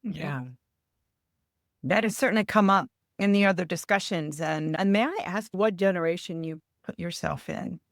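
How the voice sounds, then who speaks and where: A woman's voice: lowish voice, normal speed, no echo, clean studio sound. An American woman moderating a roundtable, giving brief, encouraging prompts.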